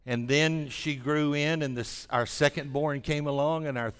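A man's voice: a little high, fairly even intonation, moderate pace, a bit bright, clear, resonant tone. A man preaching a sermon as a pastor, in a folksy way, repeating phrases for emphasis. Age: 60s. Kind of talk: sermon to a congregation. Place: large church hall during a service. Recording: long hall reverb.

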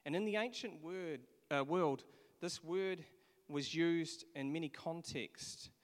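A man's voice: fairly high pitch, slow pace. A man preaching a sermon from England, earnest and conversational, with frequent restarts. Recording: long echo of a large hall.

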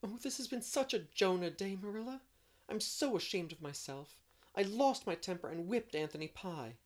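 A distraught young woman teacher, as an audiobook narrator puts her on, her voice lifted high and pleading between sobs. She pours out her remorse in a rush of feeling, quick and heightened, in a storybook reading. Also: sing-song, a little mellow, natural voice. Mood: distressed.

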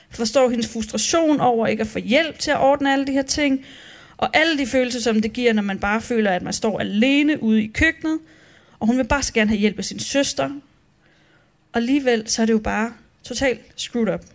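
A woman pastor giving a candid, conversational devotional talk about her own restless thoughts. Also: fairly high pitch.

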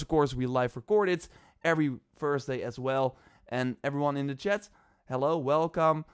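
A man's voice: medium pitch, clean tone, no echo, clean studio sound. A man from the Netherlands hosting a podcast, talking casually with lots of fillers and restarts. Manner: chatty, loose, many fillers and restarts. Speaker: podcast host.

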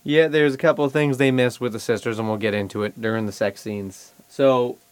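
A man's voice: medium pitch, fairly even intonation, a little fast, smooth, no room sound. A man with a Boston accent, co-hosting a podcast and casually recounting scenes in a dry, offhand way. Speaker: podcast co-host. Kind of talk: casual podcast chat reviewing a film.

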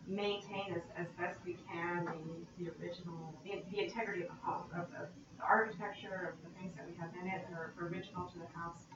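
A woman's voice: fairly low pitch, steady tone, quick pace, few pauses. A woman, a guest in a casual conversation, chatty and often checking for agreement. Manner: chatty, seeks agreement with frequent "right?". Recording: distant mic in echoey room, dull and noisy.

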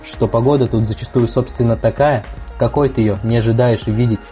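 A young man with a mellow, relaxed voice at an average pitch. He tells a wry, anecdotal weather report over light background music. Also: brisk. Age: young adult. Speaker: weather correspondent. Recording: music playing under the voice.

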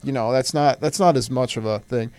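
A young man co-hosting a sports radio show, loud, profane and excitable, sick and coughing. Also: medium pitch, brisk, smooth, no echo. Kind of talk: casual sports banter.

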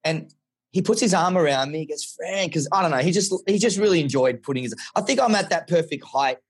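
Excitable Australian man, husky voice. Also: fairly high pitch, quick pace. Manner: excitable, swears, animated storytelling. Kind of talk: casual podcast conversation.

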